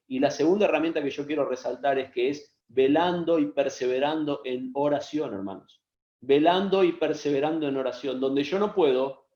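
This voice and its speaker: Man, Argentine accent, preacher, earnest and repetitive, slightly high voice, echoey, dull sound. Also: a little mellow. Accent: Argentine Spanish. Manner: earnest, repeats phrases for emphasis. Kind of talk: sermon over video call. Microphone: video call.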